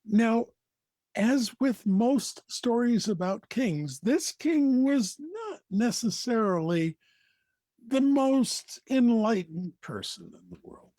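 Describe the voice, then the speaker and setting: A man with an American accent, telling a folktale as a storyteller, deliberate, with dramatic pauses. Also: very high voice, expressive, mellow, no echo. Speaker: storyteller, co-host.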